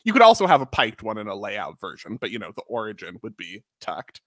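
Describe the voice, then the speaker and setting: A man's voice: fairly low pitch, huge pitch swings, fairly quick, a bit bright, dry recording, studio quality. A man co-hosting a podcast in casual chat, opinionated and dryly sarcastic. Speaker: podcast co-host.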